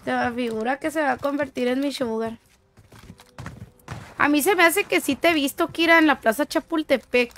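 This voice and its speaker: A woman's voice: high voice, normal speed, a bit bright, a little hiss or hum. Chatty woman streamer. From Tijuana, Mexico. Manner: chatty, slangy, reads chat aloud. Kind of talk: casual gaming stream chat.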